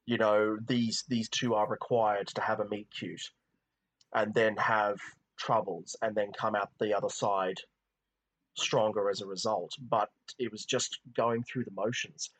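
A man's voice: on the low side, flat delivery, measured pace, fairly bright tone, rough recording. A man co-hosting a film podcast, talking casually and rambling, with many restarts and "you know"s. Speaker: podcast co-host. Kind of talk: casual film review chat.

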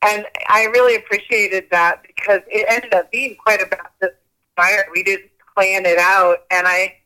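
A guest yoga teacher chats in a casual interview over a speakerphone call, talking freely with frequent restarts and little laughs. Her medium-pitched voice is bright and forceful with a moderate pace and fairly even intonation, though the audio quality is poor.

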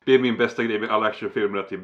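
A man's voice: lowish voice, steady tone, a bit bright, a little hiss or hum. A man playing in a tabletop game, talking in a casual, chatty way. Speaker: player. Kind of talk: casual chat. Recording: dull lo-fi mic.

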